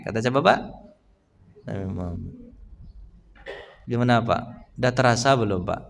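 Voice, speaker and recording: A man's voice: lowish voice, normal speed, gravelly, a little hiss or hum. A male Islamic preacher giving a casual morning study talk in a mosque, who keeps asking his congregation questions. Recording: echoey mosque hall with long reverb.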